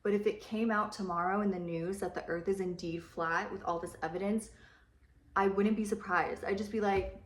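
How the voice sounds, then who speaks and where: Young female beauty vlogger, mid-pitch, chatty and rambling, slightly echoey room. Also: steady tone, moderate pace, slight background noise. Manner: rambling, chatty, swears casually. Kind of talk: casual chat while doing makeup. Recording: roomy echo.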